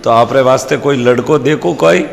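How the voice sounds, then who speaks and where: A man's voice: medium pitch, moderate pace, gravelly, slight background noise, voice pushed down, close to an everyday voice. A man with a Rajasthani accent voicing a chatty, nosy young village nephew who keeps asking questions innocently. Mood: pestering. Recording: long hall reverb.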